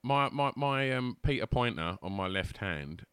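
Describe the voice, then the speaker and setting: A man's voice: medium pitch, animated, a little slow, a bit bright, clean tone, no echo. A man chatting casually as a podcast co-host, rambling and hesitant in a jokey way.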